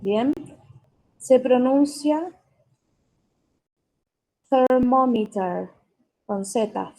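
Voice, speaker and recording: Slow, mellow woman teaching vocabulary. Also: mid-range voice, poor audio. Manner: spells out and repeats words slowly and carefully. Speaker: English teacher. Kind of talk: classroom vocabulary lesson.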